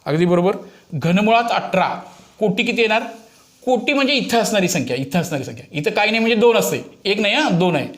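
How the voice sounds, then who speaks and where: High-pitched male teacher explaining to children. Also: very animated, quick pace, fairly bright tone. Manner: explaining to children, with frequent check questions and coaxing prompts. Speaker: school maths teacher. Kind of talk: maths lesson, explaining step by step.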